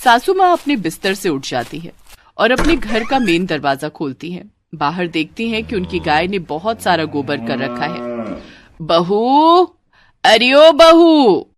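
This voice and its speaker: A woman narrating a scripted family story in an even, explanatory way. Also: lowish voice, normal speed, noisy background.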